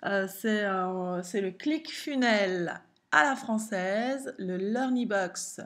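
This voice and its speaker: A woman's voice: mid-range voice, takes it slowly, a bit bright. A woman with a French accent, an online business coach talking casually to camera in a chatty style, full of fillers and restarts. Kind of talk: casual direct-to-camera vlog.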